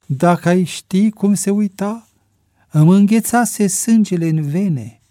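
A man's voice: warm tone, dry recording, clean studio sound, close to an everyday voice. Man doing Bebe, a nervous timid young man. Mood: fearful. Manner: anxious, raised pitch.

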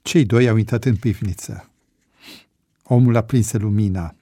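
A man reading a story aloud with expressive narration. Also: lowish voice, no room sound. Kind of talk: audiobook narration.

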